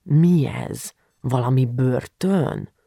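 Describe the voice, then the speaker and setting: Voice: big pitch swings, no room sound, studio quality. A reader voicing an eager, sulky teenage girl in an audiobook. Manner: high, eager, pleading. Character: teenage girl, curious and impatient. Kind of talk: audiobook character voice.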